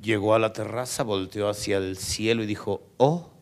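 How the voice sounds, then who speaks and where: A man with a Mexican Spanish accent telling a profane comic story, drawing out punchlines and jumping into high voices for the people he quotes. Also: level tone, moderate pace. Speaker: stand-up comedian.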